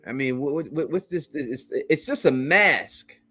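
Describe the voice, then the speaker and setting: This man co-hosts a casual podcast, breaking down a trailer and pushing his theories emphatically and insistently, repeating himself as he goes. His voice is medium-pitched, husky, pushed and bright, and a little slow. The recording is dry, with faint music in the background.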